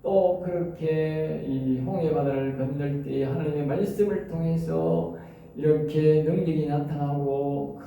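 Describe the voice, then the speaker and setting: Man preaching a bible class, slightly high voice, keeps asking the room questions, very echoey, mic far away. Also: fairly even intonation, dark tone, slight background noise. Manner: keeps quizzing listeners with quick questions. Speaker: preacher teaching at a seminary. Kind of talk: Bible lecture sermon.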